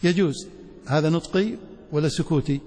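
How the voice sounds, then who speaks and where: Teaching Islamic studies in a mosque's big echoing hall, a sheikh with a Saudi accent speaks at normal speed in a slightly high, darkish voice. He's didactic, often asking brief questions to make sure students follow. Reverberation lingers throughout the recording.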